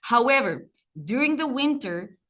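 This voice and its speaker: A woman's voice: high-pitched, animated, measured pace, sharp tone. A young woman from Colombia, a graduate mentor presenting a workshop in a chatty way, often searching for words. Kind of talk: workshop presentation over video call.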